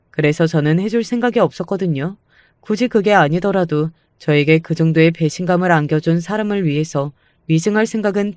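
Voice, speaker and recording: A woman calmly narrating a first-person family story in radio story style, firm in tone. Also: on the low side, dry recording.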